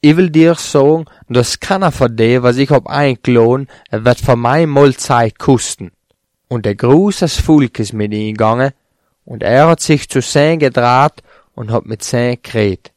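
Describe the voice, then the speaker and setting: A man reading a Bible chapter aloud in a steady, plain voice, lifting slightly on quoted speech. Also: medium pitch, measured pace, dry recording, clean studio sound. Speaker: scripture reader.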